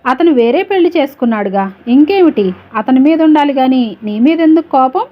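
A woman's voice: sits high, animated, brisk. A woman reading the lines of a loyal, outspoken young woman who presses her friend with questions. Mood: indignant. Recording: slightly dull, lo-fi audio.

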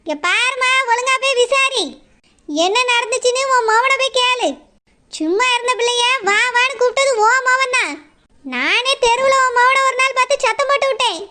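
Speaking at a normal pace over a noisy background, this middle-aged woman has a very high voice with lively intonation and a Kanyakumari Tamil accent. She plays the runaway girl's mother, a proud villager standing up for her daughter, sternly warning and indignantly arguing back.

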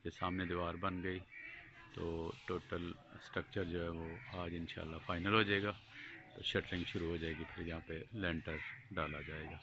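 A man walking around an outdoor building site, narrating the progress calmly to his phone camera. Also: deep voice, moderate pace, noisy background. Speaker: vlogger showing building work. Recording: dull lo-fi phone audio with loud music. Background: loud background music.

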